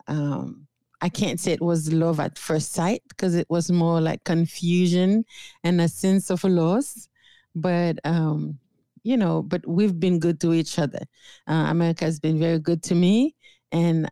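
Middle-aged woman therapist from Haiti, unhurried and reflective, full of pauses and restarts. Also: low-pitched, dark tone, clean tone, no room sound. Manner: thoughtful, with frequent fillers and restarts. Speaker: guest therapist. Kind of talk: interview conversation.

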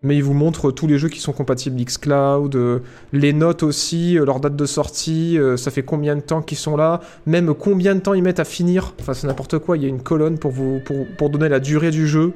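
A man's voice: a little high, steady tone, brisk, mellow. A man chatting casually with his livestream audience, playful and talkative, tossing in little sound effects as he goes. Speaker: livestreamer answering chat.

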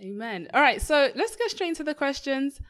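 A woman's voice: high voice, very animated, fairly quick, fairly bright tone. A young woman hosting a faith podcast, talking in an upbeat, casual way with frequent praise. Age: young adult. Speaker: podcast host.

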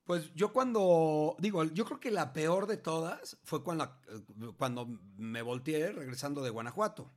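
A middle-aged man with a Mexican Spanish accent tells a story in a casual conversation. His voice sits a little higher than most men's. He speaks in an animated, slangy way and keeps restarting his sentences. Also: a little slow, few pauses. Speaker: parent telling a story to his grown child.

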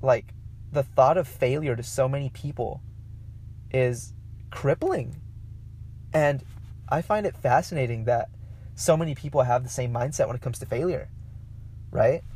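A man's voice: medium pitch, measured pace, pauses often, a little mellow, breathy edge. Rambling man hosting a solo podcast. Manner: rambling and conversational, with many fillers and self-corrections; addresses listeners directly. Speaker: podcast host. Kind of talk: casual solo podcast monologue.

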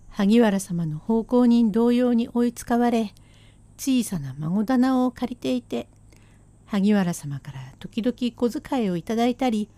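In rakugo storytelling, a woman voices a sharp-tongued, hardworking Edo wife who scolds her husband with relentless sarcasm. Her voice is a little high, with no echo.

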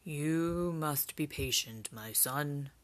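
A woman voicing a kind, fatherly old king who speaks slowly and patiently in a lowered voice. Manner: slow, low and patient.

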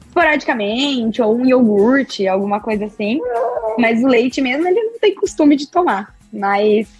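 A woman, a podcast guest telling her story in an expressive, chatty way with lots of tag questions. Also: on the high side, normal speed, highs cut off, faint music behind. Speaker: podcast guest, breastfeeding consultant. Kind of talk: casual interview chat.

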